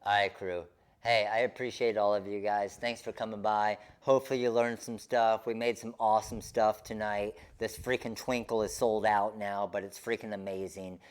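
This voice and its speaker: A man's voice: on the low side, level tone, moderate pace, clear, resonant tone. A man hosting a craft live stream, chatting casually and informally with his viewers.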